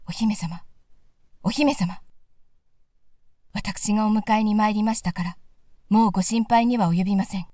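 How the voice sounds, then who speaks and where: A woman's voice: mid-range voice, a little slow, long pauses, warm tone, no echo, clean studio sound, recorded from a distance, lightly acted. A woman voicing a brave young man who gives bold orders to his dogs. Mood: gentle. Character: brave young man hero, calm and commanding.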